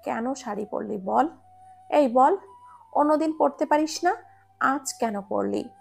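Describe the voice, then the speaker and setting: A man's voice: extremely high pitch, takes it slowly, vocal fry, soft background music, heavily acted. A woman voicing a furious, possessive young husband in a romance story.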